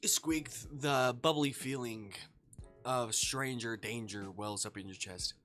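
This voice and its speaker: Bright-voiced man reading a story on stream. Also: medium pitch, slow, faint music behind. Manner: playful, breaks into laughing asides. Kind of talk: reading fan fiction aloud on a live stream.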